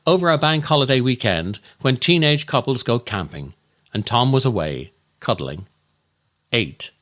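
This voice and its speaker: A comedian and podcast host performs a scripted comic monologue as a storyteller. His delivery is dramatic, deliberate and darkly comic. His voice sits in the mid range with a slightly bright quality.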